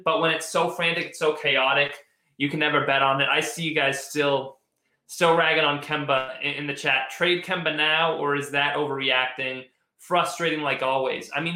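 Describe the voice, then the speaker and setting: A man's voice: on the high side, bright, forceful tone, roomy sound. A man hosting live post-game sports commentary, conversational, repeating words as he thinks aloud. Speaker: sports show host.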